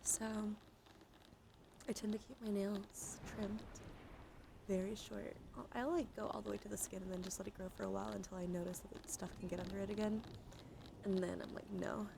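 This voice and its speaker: A woman chats near the microphone on an ASMR stream, her soft, soothing voice partly whispered and her talk drifting along with gentle repetition. She has a mid-range, steady tone at normal speed with some vocal fry, and the background is noisy.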